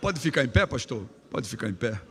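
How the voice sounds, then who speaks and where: A man preaching a lively youth sermon, telling stories with humor and bursting into shouts. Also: mid-range voice, fairly quick, a crowd in the background. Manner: animated, humorous storytelling, sudden shouts. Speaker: guest pastor. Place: church hall. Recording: echoey church hall.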